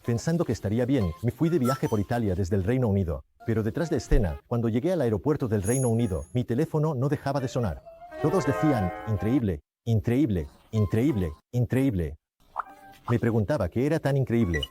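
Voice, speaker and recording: A man in his fifties with a warm, mellow tone, telling stories in a relaxed way and pausing to correct himself. He is a show host who once played rugby, and soft music plays faintly behind him. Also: medium pitch. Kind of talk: reminiscing in casual conversation.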